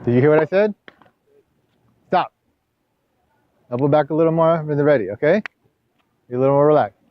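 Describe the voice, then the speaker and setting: A man coaching a teenage player through drills, talking in rambling bursts with many restarts and rising sharply when he scolds. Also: brisk. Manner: rises loud and high when scolding. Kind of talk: sports coaching session. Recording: dull lo-fi camera audio.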